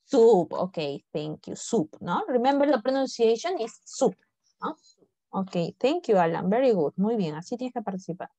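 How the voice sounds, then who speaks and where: A woman's voice: fairly high pitch, lively intonation, normal speed, mellow, no echo. Patient woman teacher coaxing young pupils. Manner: patient, coaxing, mixes Spanish and English, drills pronunciation. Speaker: English teacher. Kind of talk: online primary class lesson.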